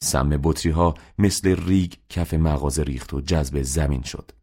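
A man reading a novel aloud as an audiobook narrator, in a steady, measured way. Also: a bass voice. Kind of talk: scripted narration.

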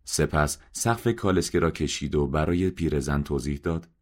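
A man reading a story aloud in a measured, subdued narration. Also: rumbling low, darkish tone. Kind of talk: scripted audiobook narration.

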